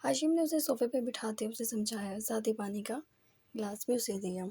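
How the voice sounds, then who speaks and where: A woman narrating a romance novel aloud in a steady storytelling manner. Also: on the high side, breathy edge.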